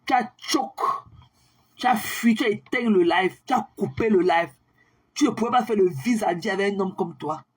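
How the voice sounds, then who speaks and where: A woman's voice: mid-range voice, normal speed, a little mellow, slightly rough. A young woman livestreaming a scornful, taunting rant at her critics, slipping in English phrases. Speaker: social media livestreamer. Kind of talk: ranting monologue to viewers.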